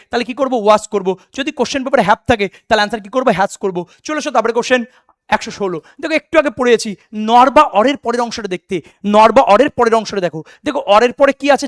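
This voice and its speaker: A man's voice: extremely high pitch, fairly bright tone, no room sound, clean studio sound. A man teaching an exam-prep English lesson who drills rules by repetition, calls students "baba" and "beta", and breaks into fervent motivational pep talk. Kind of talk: online exam coaching lesson.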